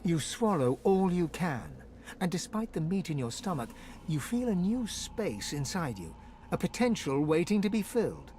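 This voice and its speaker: A man acting as a grave, ominous storyteller, narrating a dark fantasy video game with brooding drama. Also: sits high, very animated, normal speed, slight background noise.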